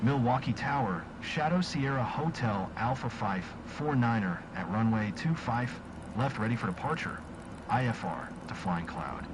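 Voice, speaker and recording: Man as airline pilot, game radio calls, clipped, procedural, mid-pitched, loud engine noise behind. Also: lively intonation, normal speed, lightly acted. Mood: businesslike. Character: businesslike male airline pilot. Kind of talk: scripted aviation radio phraseology. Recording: loud aircraft cabin noise.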